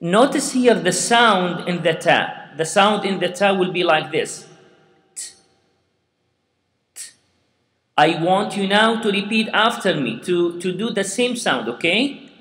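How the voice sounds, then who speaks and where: A man's voice: sits high, animated, measured pace, fairly bright tone. A man teaching Quran recitation step by step, patiently repeating sounds and asking learners to say them after him. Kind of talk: slow step-by-step recitation lesson. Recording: echoey room with long reverb.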